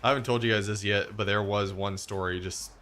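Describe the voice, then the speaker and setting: A young man hosts a gaming stream and rambles through stories, acting out the voices of the people he quotes. His voice sits fairly low. Faint noise hums behind him. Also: steady tone, fairly quick, sharp tone. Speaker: streamer host. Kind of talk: casual chat while gaming.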